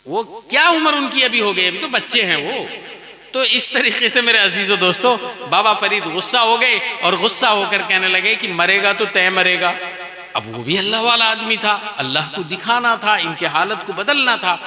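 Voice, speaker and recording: An Islamic preacher tells a story to a wedding gathering, calling his listeners dear friends as he goes. His voice is high and piercing bright. It rings with heavy echo through the sound system. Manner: animated, addresses the crowd as dear friends. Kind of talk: storytelling sermon.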